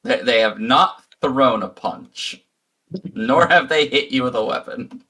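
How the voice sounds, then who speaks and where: Guy running a tabletop game online, lots of restarts, bright tone. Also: mid-range voice, breathy edge. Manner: halting, many restarts. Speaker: game master.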